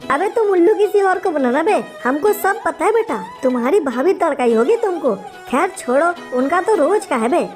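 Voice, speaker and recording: A man voicing a cocky, rough-talking young male friend in a game story video. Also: very high-pitched, animated, moderate pace, few pauses, faint music behind, pitched above the performer's own voice. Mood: teasing. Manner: teasing, slangy, swaggering.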